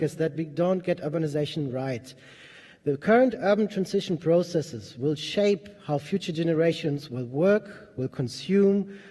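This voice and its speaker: A man's voice: on the high side, warm tone. A man speaking as a panelist at a conference, arguing earnestly and stacking figures, with frequent restarts. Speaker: panelist, head of global programs of a development partnership. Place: large conference hall. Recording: long reverb of a conference hall.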